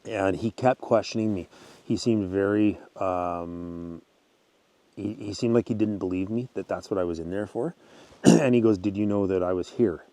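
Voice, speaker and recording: A man with a low, mellow voice tells an outdoors story in a loose, rambling way. He leans on fillers, doubles back on his words and keeps clearing his throat. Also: moderate pace, no echo. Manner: rambling, full of fillers and restarts. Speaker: wilderness storyteller. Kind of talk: casual spoken storytelling.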